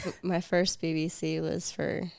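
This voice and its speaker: Female podcast guest, gravelly lowish voice, dry close mic, easygoing short replies. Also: a little slow, no echo. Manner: relaxed, short answers, laughs easily. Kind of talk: casual chat.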